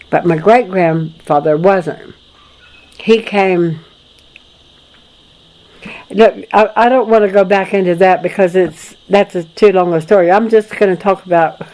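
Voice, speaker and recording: An older woman from Florida in the United States telling her family history in a casual, rambling way, with many restarts and soft chuckles. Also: lowish voice, poor audio. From Florida, USA. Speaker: documentary photographer recalling family history. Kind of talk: casual spoken memoir to a friend.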